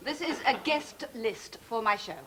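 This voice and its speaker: A woman's voice: fairly high pitch, animated, moderate pace, a bit bright, a little hiss or hum. An actress playing a middle-aged woman TV talk show host with dry, cutting wit.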